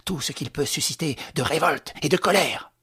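A man voicing a raging, mocking gentleman thief in an audiobook, shouting and laughing with scorn. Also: a little high, takes it slowly. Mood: exalted. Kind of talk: audiobook character voice.

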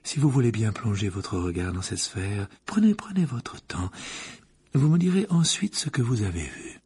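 A man reading an audiobook, voicing an eccentric older female seer who speaks in slow, hushed, breathy tones. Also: fairly low pitch, very animated, exaggerated voice. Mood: mysterious hushed. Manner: slow, mysterious, then harsh trance voice. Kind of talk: audiobook character voice.

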